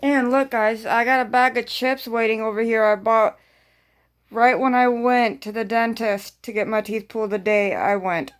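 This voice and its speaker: A woman's voice: a little high, fairly even intonation, moderate pace. A woman vlogger chatting casually to her viewers in a rambling way, often repeating phrases for emphasis.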